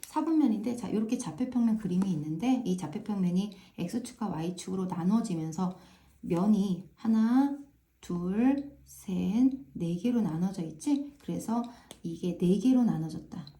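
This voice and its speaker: Here a woman teaching math speaks a little slowly, with a warm, mid-range voice and lively intonation. Her manner is casual and classroom-like as she goes step by step, often tagging on "right?" to check understanding and using "ja" as a filler between steps.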